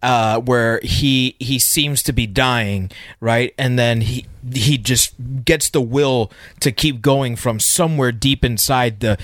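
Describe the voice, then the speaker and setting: A man in casual podcast chat, halting with frequent restarts. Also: medium pitch, fairly bright tone, no echo, clean studio sound.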